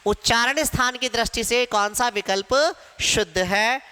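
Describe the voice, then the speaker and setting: A man's voice: very high voice, unhurried, sharp tone, clear, resonant tone. A man teaching Hindi grammar in an exam-prep lecture, explaining step by step and answering his own questions. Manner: explains step by step, asks questions then answers them himself. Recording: echoey hall reverb.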